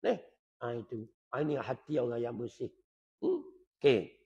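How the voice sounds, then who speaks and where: A man's voice: medium pitch, very animated, normal speed, mellow, husky. A man giving a conversational religious lesson, often checking with his listeners. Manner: conversational, keeps asking the audience "right?". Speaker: religious teacher. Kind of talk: sermon. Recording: dull lo-fi recording.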